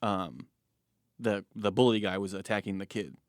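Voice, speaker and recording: Wry low-voiced podcast co-host. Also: male voice, no echo, clean studio sound. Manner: quick reactions, wry asides, laughs. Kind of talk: casual chat.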